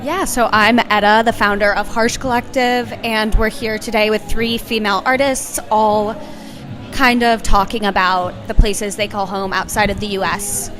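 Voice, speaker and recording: A woman's voice: mid-range voice, steady tone, normal speed. A woman who founded a gallery explaining her booth in an organized way during an interview at an art fair. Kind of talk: casual interview. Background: loud music.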